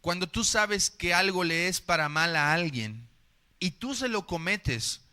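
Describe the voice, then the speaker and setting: A man's voice: high voice, animated, unhurried, sharp tone, smooth. A man with a Mexican accent preaching a sermon, dramatic and full of rhetorical questions aimed straight at the congregation.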